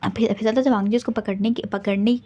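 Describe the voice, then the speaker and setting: Fast chatty woman retelling a fan story. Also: medium pitch, steady tone, dark tone, muffled recording. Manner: chatty, many fillers and restarts. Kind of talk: casual fan fiction retelling.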